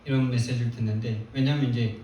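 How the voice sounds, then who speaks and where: A man preaching a sermon as pastor, retelling a story in an animated way with quoted prayers. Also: mid-range voice, quick pace, a little hiss or hum. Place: church sanctuary. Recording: echoey church hall from far off.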